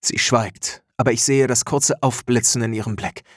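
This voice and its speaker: A man narrating a story in the first person, measured and introspective. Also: mid-range voice, steady tone, no echo, studio quality.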